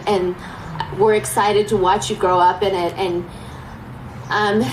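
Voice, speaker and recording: Woman giving a speech in echoey surroundings. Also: mid-range voice. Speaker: event speaker introducing donors. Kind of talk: informal ceremonial speech. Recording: echoey, faint ambient noise.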